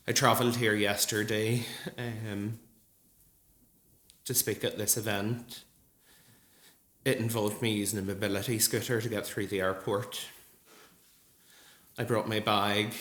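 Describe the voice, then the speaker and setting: A man in his early thirties, a nurse, giving a personal testimony at an event in an earnest, measured way with frequent ums. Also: lowish voice, fairly bright tone. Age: 30s. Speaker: nurse speaking at a support group event. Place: large gallery hall. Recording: echoey hall with faint ambience.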